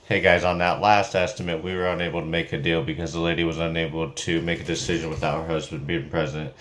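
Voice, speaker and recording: A young man with a fairly low voice chats casually into a phone held at arm's length, upbeat and plain, with plenty of fillers. Vehicle noise and background sounds come through clearly around him. It sounds like a small business owner giving a quick update from his car. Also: little pitch movement, fairly bright tone. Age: young adult. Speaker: junk removal business owner. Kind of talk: casual vlog to camera. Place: in a car, then in a small room at home. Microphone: phone camera at arm's length.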